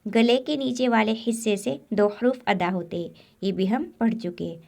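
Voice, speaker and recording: A woman, teaching a Quran recitation lesson step by step and sounding out syllables slowly. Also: a little high, gravelly, a little mellow. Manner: slow, drawn-out demonstration of letter sounds.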